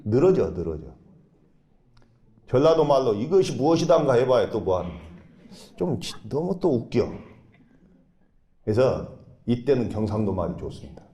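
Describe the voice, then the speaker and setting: A man who is a Buddhist monk, preaching a dharma talk and guiding meditation, emphatic, with sudden rises and soft, drawn-out instructions. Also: lowish voice, very animated. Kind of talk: sermon with guided meditation. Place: temple dharma hall.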